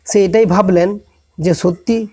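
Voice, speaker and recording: A man with a fairly high voice gives a relaxed moral lesson to students. He talks to them directly and conversationally, often breaking off and restarting his sentences as he works through his point. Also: unhurried, husky. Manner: conversational, many restarts and self-corrections, addresses listeners directly. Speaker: online tutor giving a moral talk. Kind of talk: informal motivational lecture to students.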